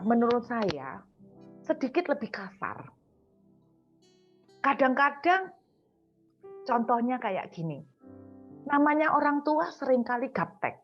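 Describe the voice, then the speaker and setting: A woman preacher with an East Javanese accent gives a morning devotional sermon in a conversational way, slowing down to stress key words. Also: high-pitched, highs cut off. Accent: East Javanese Indonesian. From Surabaya, East Java.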